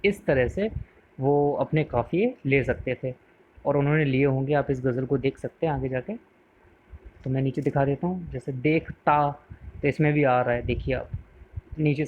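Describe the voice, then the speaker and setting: A man's voice: mid-range voice, moderate pace. A man teaching poetry in a patient lesson, repeating key words, asking the viewer questions and mixing in English terms. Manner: mixes English words into explanations. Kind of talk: explanatory lesson. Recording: narrow phone-like sound.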